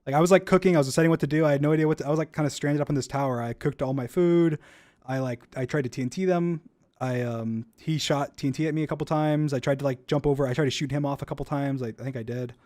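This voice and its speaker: A young man casually commenting on his own gameplay video, rambling with lots of "like" and quick restarts. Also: a little high, dark tone, no room sound. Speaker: YouTuber reacting to own video.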